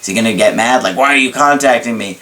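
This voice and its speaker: A man giving dating advice to camera, slow and emphatic, reading viewer emails aloud and adding sarcastic asides. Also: mid-range voice, sharp tone, poor audio. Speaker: dating coach. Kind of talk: talking-head advice video.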